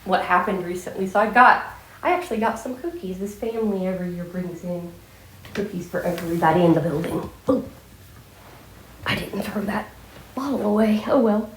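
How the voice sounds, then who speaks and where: A woman's voice: mid-range voice, normal speed. A woman talking casually in a rambling, informal vlog style while fighting a cold and a scratchy sore throat. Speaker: vlogger addressing viewers. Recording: echoey room.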